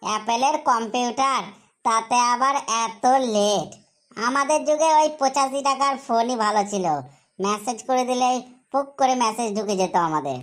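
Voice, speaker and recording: A woman's voice: on the high side, lively intonation, normal speed, fairly bright tone. A woman doing a fretful village shop man. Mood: grumbling. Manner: rambling, fretful, scolding. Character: fussy male village computer-shop operator. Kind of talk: comedy sketch acting.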